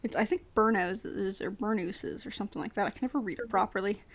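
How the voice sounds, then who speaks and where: A woman's voice: mid-range voice, quick pace. American woman, reading aloud on stream, trips over words, laughs a lot, chats between passages. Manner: stumbles over words, laughs often, chatty asides. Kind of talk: casual read-aloud with chat. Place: home streaming setup.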